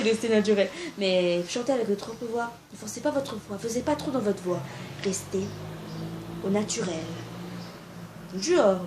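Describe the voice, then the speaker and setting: A woman's voice: mid-range voice, noisy background. A young woman talking casually to camera and giving amateur singing tips, informal and a little hesitant, with frequent fillers.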